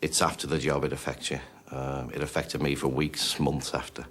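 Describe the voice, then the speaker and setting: A man speaking as a paramedic in a documentary interview, calm and matter-of-fact. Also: rumbling low, normal speed.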